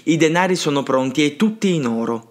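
A man's voice: fairly high pitch, lively intonation, fairly quick, natural voice. A man voicing a cheerful, good-humored priest in a storybook reading, speaking in a light, reassuring way.

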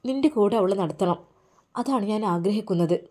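A woman voicing a kindly, caring mother who speaks in a gentle, motherly way. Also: mid-range voice, normal speed, lightly acted.

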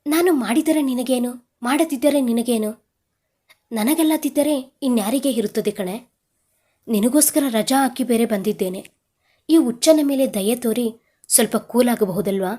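A playful young husband who keeps apologizing and teasing his wife, read out by a woman storyteller. His voice stays soft and coaxing, with a mellow, warm tone. It is a spoken audio storybook. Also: fairly high pitch, normal speed, pauses often, lightly acted.

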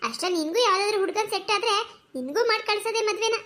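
Cartoon old grandmother, voiced by a woman, warm and preachy, high and fast. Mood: cheerful. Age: older. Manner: warm, soothing, preachy, lively. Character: kindly talkative old grandmother. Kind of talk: cartoon voice acting.

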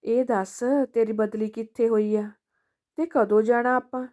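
A woman doing a gentle forgiving old mother. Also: fairly high pitch, level tone, a little slow, lightly acted. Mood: pleading. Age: older.

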